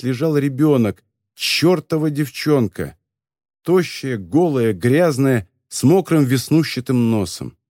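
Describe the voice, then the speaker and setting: A man narrating a novel as an audiobook, in lively, expressive storytelling. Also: mid-range voice, no echo, clean studio sound. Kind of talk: scripted narration.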